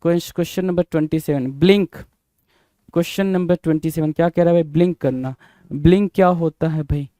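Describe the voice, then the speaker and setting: A man's voice: a little high, fairly quick, dark tone, no room sound. A man teaching English vocabulary for exam prep in a casual style, repeating words, spelling them out letter by letter and answering his own questions. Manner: informal, addresses students as brother. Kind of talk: exam-prep lesson, call and response.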